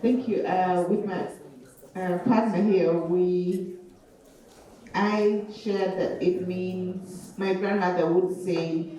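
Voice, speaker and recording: A woman from western Uganda sharing in a conference group discussion, measured and reflective. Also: on the low side, steady tone, warm tone. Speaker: conference participant. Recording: echoey hall, far from mic.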